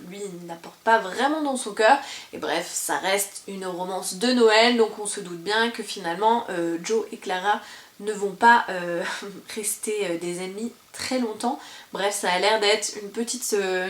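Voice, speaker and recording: Young female book vlogger, chatty and casual, recorded in a roomy, echoey living room. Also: a little high. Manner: chatty, many fillers and restarts. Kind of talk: casual book presentation to camera. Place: parents' living room by her bookshelves.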